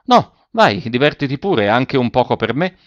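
A man voicing a troubled married nobleman who speaks in a restrained, halting way in a storybook reading. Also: mid-range voice, big pitch swings, dry recording, natural voice. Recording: dull lo-fi audiobook recording.

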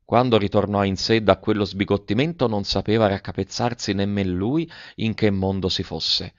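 A man reads a classic storybook aloud in a measured, expressive voice. The recording is dry, with no room echo, and slightly muffled. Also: on the low side. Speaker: narrator. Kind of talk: storybook audiobook reading. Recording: dull, dry audiobook recording.

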